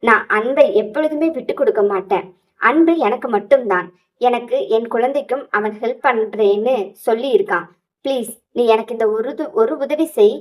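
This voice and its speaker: A woman's voice: a little high, normal speed, close to an everyday voice. A woman voicing a desperate young woman begging a friend for help, in an audio novel. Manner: pleading.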